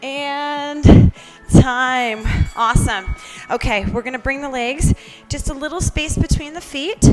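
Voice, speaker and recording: A woman's voice: high-pitched, measured pace, soft background music, low-quality recording. A woman leading a workout as instructor, encouraging and counting down cues while exercising along. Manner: exerting herself while talking, exercising along.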